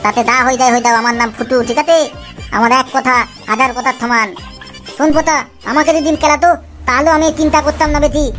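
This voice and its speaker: A woman's voice: high voice, lightly acted. A woman voicing Futu, a mischievous, boastful boy in a cartoon, who talks in a cocky, scheming way. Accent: Bengali. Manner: cocky, scheming, quick-talking. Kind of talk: cartoon voice acting.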